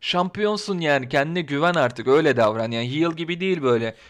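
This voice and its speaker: A man giving his casual opinions in a vlog, talking in an excitable, ranting, colloquial way. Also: a little high, fast talker. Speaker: wrestling commentary vlogger.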